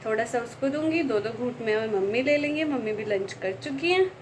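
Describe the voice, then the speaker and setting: A young woman with a fairly high voice runs a casual home vlog. She chats straight to her viewers as she cooks and sometimes drops to a soft voice. A faint household hum sits behind her. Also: lively intonation, a little fast. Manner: chatty, talks to viewers directly; speaks softly at times to keep the house quiet. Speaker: vlogger.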